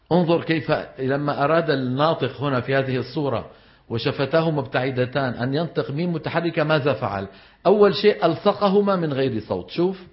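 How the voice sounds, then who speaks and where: A man's voice: on the high side, slightly rough. A man with a Levantine Arabic accent teaching a class on Quran recitation. He quizzes his students with questions and demonstrates the sounds aloud. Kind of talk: classroom lecture. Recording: dull lo-fi lecture recording.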